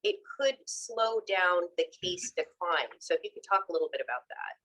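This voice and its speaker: A woman moderating a media briefing, asking questions in a polite, measured way. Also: lowish voice, lively intonation, bright, forceful tone, poor audio.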